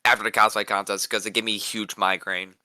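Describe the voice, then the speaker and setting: Very bright-voiced, excitable man. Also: on the low side, quick pace, dry recording. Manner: excitable, swearing, jokey. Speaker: cosplayer guest. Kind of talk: casual chat.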